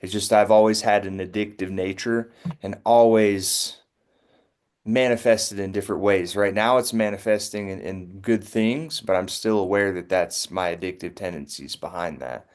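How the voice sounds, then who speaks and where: A man's voice: fairly low pitch, normal speed. A man from North Carolina telling a personal story candidly and with self-awareness.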